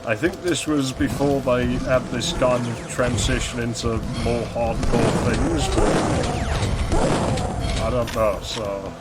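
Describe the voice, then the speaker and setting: A man offers low-key, musing commentary as he plays through a game for his gaming video. His mid-range voice is steady and slow, but the recording is very noisy, with loud game music and sound effects behind him.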